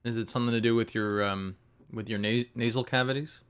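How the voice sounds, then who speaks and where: Sleepy and only just awake, this man streams a game and rambles through casual commentary packed with fillers. His mid-range voice is nasal yet clear and resonant, and he speaks briskly despite his relaxed, groggy mood.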